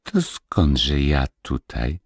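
A timid little peasant orphan girl speaks in a soft, childlike, pleading way, as a man reads her in a storybook. The voice stays husky, and the recording is dry and close. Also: rumbling low, animated, very slow, dry recording, full character voice. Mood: wondering. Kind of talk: audiobook fairy-tale reading.

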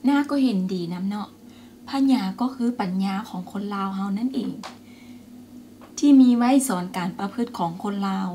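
An actress playing a Lao aunt in a scripted teaching skit, asking questions and approving of old proverbs. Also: female voice, mid-range voice, moderate pace, dark tone, a little hiss or hum, natural voice. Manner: curious, approving, asks questions.

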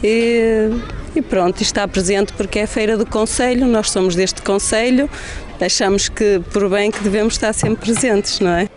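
A woman in her forties, a horse exhibitor in a stable, speaking relaxed and plain. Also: medium pitch, moderate pace, a little hiss or hum. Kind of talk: on-the-spot news interview.

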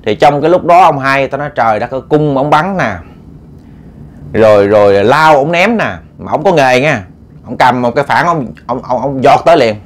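A man with a Southern Vietnamese accent narrating a ghost story in an animated, dramatic way, often repeating words as he builds tension. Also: mid-range voice, moderate pace. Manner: animated, dramatic, repetitive stammering.

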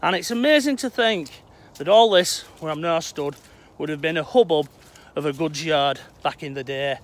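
A man's voice: fairly high pitch, normal speed. A middle-aged man with a Lancashire accent, chatting to viewers while walking through outdoor woodland, filmed on a handheld phone. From England. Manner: chatty, addresses viewers as "Hot Potters". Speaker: vlogger exploring old railway sites. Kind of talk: walking outdoor vlog to camera. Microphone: phone camera held at arm's length.

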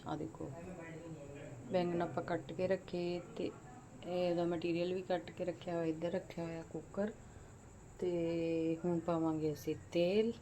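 A woman's voice: lowish voice, level tone, moderate pace, dark tone. A woman with a Punjabi accent vlogging casually, chatting to viewers and to herself as she goes about things. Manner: chatty, talks to herself while busy. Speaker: home vlogger. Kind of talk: casual vlog chat, narrating as she goes. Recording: noisy handheld home-video sound.

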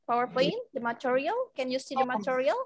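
A young woman with an Indonesian accent teaching children English over a video call, switching between English and Indonesian and spelling out phrases slowly for her pupils. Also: high voice, very animated, dry recording, low-quality recording. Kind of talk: online English lesson for children.

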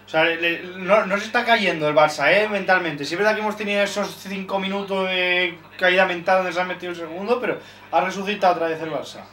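Young spanish guy doing a live match reaction, high voice, swears a lot, roomy echo. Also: fairly even intonation, fast, far from the mic. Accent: Spanish from Spain. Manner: frustrated, swears often, shouts at big chances. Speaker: football fan reacting live.

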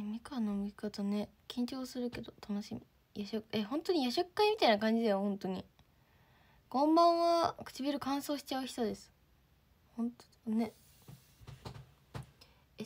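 A woman's voice: on the high side, a little mellow. A teenage girl with a lilt, chatting casually on a livestream, thanking viewers and sometimes dropping almost to a whisper. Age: teens. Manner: chatty, reads and thanks viewer comments, drops to near-whispers. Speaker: idol livestreamer.

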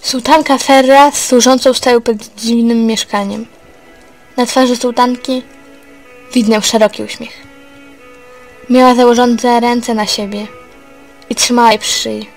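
A woman narrating a homemade historical fan story in an earnest, even reading voice. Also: fairly high pitch, measured pace, pauses often, faint music behind, poor audio. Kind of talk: read-aloud storytelling.

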